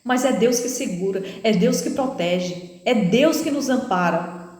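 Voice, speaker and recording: A Brazilian woman preacher giving an emotional spoken testimony, retelling it in an animated way with many fillers. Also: fairly high pitch, measured pace. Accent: Brazilian Portuguese. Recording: echoey room with long reverb.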